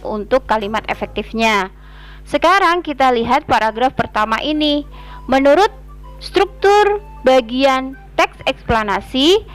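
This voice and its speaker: A woman giving an online grammar lesson as a teacher, reading example sentences aloud and explaining them slowly. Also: a little high, a bit bright.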